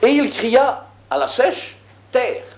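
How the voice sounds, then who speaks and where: A man teaching a lesson, reading scripture aloud and explaining it, slow and emphatic, with frequent filler words. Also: very high voice, big pitch swings, echoey room, muffled recording. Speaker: Bible teacher.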